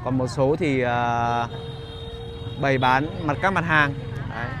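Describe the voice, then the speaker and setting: A man giving a casual walking vlog commentary as a guide, pausing often on fillers as he talks to viewers. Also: mid-range voice. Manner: hesitant phrasing with frequent filler pauses. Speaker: market vlogger and guide. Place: outdoors in a busy rural street market. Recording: noisy outdoor market street ambience. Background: market bustle and vehicles.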